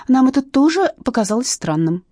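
A woman's voice: sits high, sing-song, a little fast, dark tone, husky, no room sound, studio quality, pitched above the performer's own voice, heavily acted. A woman voicing an eager, chatty young woman backing up her friend.

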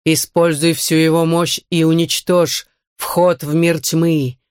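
A reader voicing the ghost of a young man, grim and muffled, speaking slowly in a hollow, faraway-sounding voice. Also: medium pitch, flat delivery, clean tone, dry recording, studio quality, natural voice. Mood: solemn. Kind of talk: audiobook narration.

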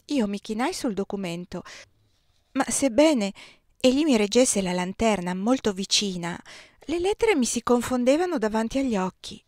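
Expressive woman reading a novel aloud. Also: medium pitch, no room sound, clean studio sound. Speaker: audiobook reader. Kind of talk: audiobook narration.

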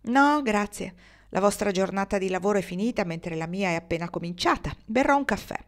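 A woman voicing Marnie, a poised, practical gambling-hall woman, brisk and wry, in a storybook reading. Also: medium pitch, expressive, lightly acted.

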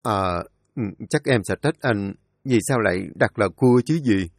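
A man's voice: lowish voice, lively intonation, unhurried, no room sound, studio quality. A man voicing a grief-stricken young husband who pleads tearfully with his dying wife. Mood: tender pleading. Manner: sobbing, pleading, voice breaking.

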